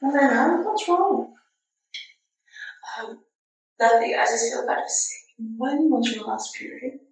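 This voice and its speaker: Young woman in a melodrama, slightly high voice, super echoey room, bit far off. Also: expressive, unhurried. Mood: concerned, uneasy. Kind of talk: melodramatic screen drama acting. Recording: echoey room, distant mic.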